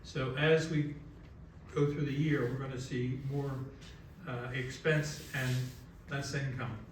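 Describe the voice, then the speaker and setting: A man's voice: medium pitch, level tone, slow pace, slight background noise. A man giving the treasurer's report at a city council meeting in an easygoing manner. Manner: easygoing, with light laughs. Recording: echoey council chamber, distant mic.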